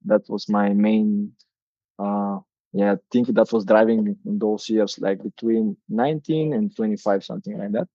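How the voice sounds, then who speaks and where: A man in his thirties from Bulgaria, a native Bulgarian speaker talking in English with a Bulgarian accent, as a guest coach in a casual interview, halting and full of hesitations. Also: on the low side, dark tone, no room sound, muffled recording.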